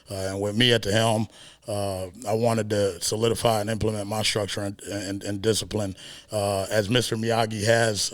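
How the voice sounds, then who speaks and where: A low-pitched man speaks in an even, steady tone at a media day interview. He is a high school football coach, earnest and measured, pausing often on fillers. The sound is dry and close. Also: no echo. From South Sudan.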